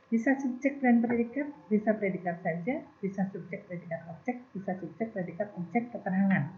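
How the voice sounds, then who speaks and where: A woman teaching a grammar lesson, explaining step by step and trailing off softly at the ends of phrases. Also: on the low side. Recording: tinny phone-like recording.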